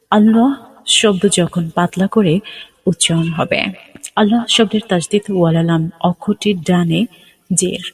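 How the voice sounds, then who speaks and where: A man giving a slow, careful lesson on pronouncing words in recitation, repeating each example. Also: high voice, slightly rough, low-quality recording. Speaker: religious teacher. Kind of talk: Quran pronunciation lesson.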